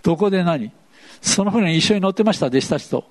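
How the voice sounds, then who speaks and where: Male pastor, chatty interactive sermon, bouncy and animated, slightly high voice. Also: fast. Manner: asks the congregation questions, playful and chatty.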